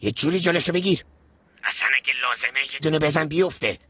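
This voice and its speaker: An actor playing a scheming, desperate uncle in debt who rambles and pushes others, in a dubbed TV drama. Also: male voice, a little high, noisy background, natural voice. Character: scheming, desperate middle-aged man. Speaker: uncle in debt chasing an inheritance.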